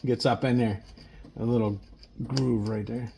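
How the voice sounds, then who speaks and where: A man's voice: mid-range voice, steady tone, measured pace, vocal fry, mellow. A folksy, plain-spoken man casually talking through a hands-on repair as a mechanic, with machine noise behind him. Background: air compressor and workshop tool noise.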